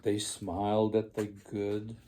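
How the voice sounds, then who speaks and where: An older man, a grandfather, reading a children's storybook aloud in a slow, deliberate, gravelly old man's voice. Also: lowish voice, dark tone, slight background noise.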